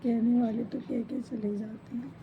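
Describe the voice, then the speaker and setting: A woman's voice: fairly high pitch, steady tone, a little slow, background noise. Grieving mother in a dull home recording. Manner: grieving, speaks in short broken phrases. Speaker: mother mourning a pet. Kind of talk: emotional personal account to camera.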